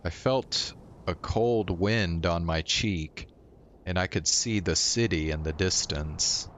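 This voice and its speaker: A man streaming a visual novel, reading its narration aloud in a slow, even way. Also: sits low, slight background noise.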